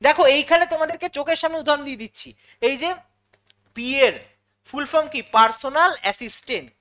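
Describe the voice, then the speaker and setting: Fast high-voiced woman teaching english grammar, repeats stuff, asks her students questions. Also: a bit bright. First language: Bengali. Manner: explains step by step, repeating key words and asking students questions. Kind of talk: classroom-style lesson explanation.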